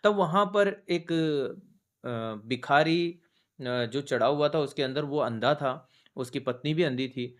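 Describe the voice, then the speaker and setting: A soldier sharing a personal faith testimony in an earnest storytelling manner, shifting his tone as he recounts conversations. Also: mid-range voice. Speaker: soldier giving a church testimony.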